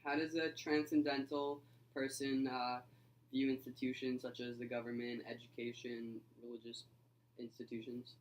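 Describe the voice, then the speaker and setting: A man's voice: mid-range voice, little pitch movement, moderate pace, low-quality recording. A young man hosting a mock interview in an amateur school skit, asking questions with hesitant uhs.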